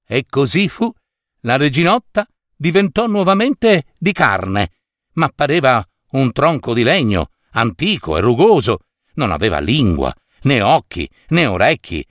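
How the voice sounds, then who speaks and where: A man telling a fairy tale out loud in a dramatic, animated manner, his pitch leaping up and down as he repeats words for effect. The recording is dry and close, with no room sound. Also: measured pace, no echo. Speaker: storyteller.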